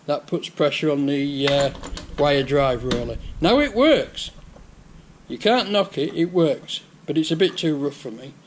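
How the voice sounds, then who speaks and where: Filmed on a head-worn action camera, an older Yorkshireman from England talks through a garage repair in a chatty, step-by-step workshop vlog. His voice is fairly high, and the background is noisy.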